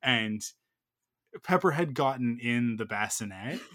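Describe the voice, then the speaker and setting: A man's voice: medium pitch, expressive, a little slow, bright, forceful tone. A man in his thirties telling a long personal story in casual chat, full of fillers and restarts. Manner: rambling, filler-heavy storytelling.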